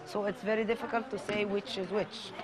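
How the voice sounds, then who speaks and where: A woman answering a street interviewer in a thoughtful, slightly halting way. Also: mid-range voice, little pitch movement, a crowd in the background. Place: outdoors on a city street.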